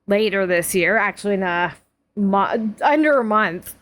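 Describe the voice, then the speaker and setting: A woman's voice: mid-range voice, expressive, a little slow. A woman in her forties talks to her stream audience in a loose, rambling way. She piles on fillers, restarts often and laughs easily as she chats. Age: 40s. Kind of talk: casual chat.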